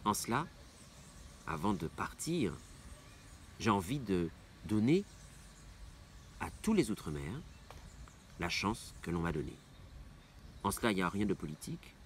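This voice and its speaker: With a low voice, big swings in pitch and frequent pauses, a middle-aged opera singer from Martinique takes his time answering interview questions. Passionate, he repeats phrases for emphasis while faint noise hums in the background.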